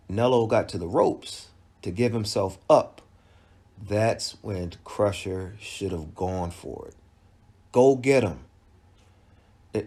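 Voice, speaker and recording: A man giving a halting solo recap of a boxing match, with frequent restarts and fillers. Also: fairly low pitch, a little mellow. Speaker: boxing commentator.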